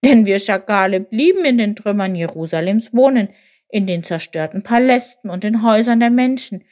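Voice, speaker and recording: A woman's voice: mid-range voice, animated, moderate pace, a little mellow, natural voice. Woman doing Kanis, a wry little jackal. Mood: wistful. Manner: knowing, leisurely storyteller. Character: small clever male jackal, wry and slightly scornful.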